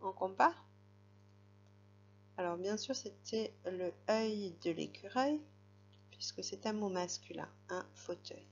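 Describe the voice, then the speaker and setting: Female teacher, patient dictation, gravelly voice, slow delivery. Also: medium pitch. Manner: slow, patient, spelling words letter by letter. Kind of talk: spelling dictation lesson for a child. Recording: slightly dull, lo-fi recording.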